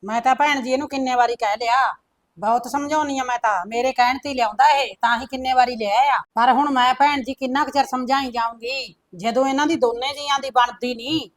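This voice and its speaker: Resigned mother-in-law, played by a woman, high voice, exasperated. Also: steady tone, brisk, lightly acted. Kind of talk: rural family drama acting.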